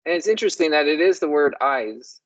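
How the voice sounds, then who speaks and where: A language show host who muses slowly and says words aloud to compare how they sound. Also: medium pitch, expressive, highs cut off. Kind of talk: slow, exploratory discussion of word sounds.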